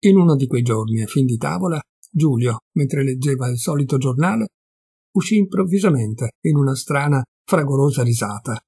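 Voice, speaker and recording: A man reading a classic story aloud as an audiobook, in a measured, expressive way. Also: medium pitch, vocal fry, slightly rough, dry recording, clean studio sound. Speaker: audiobook reader. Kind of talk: literary reading.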